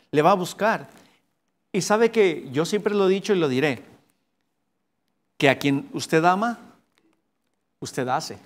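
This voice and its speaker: Brief: earnest lay preacher teaching Sunday school, slightly high voice, swings from emphatic peaks to hushed lows. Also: male voice. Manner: earnest preaching, rising to emphatic peaks then dropping low; addresses listeners directly with rhetorical questions.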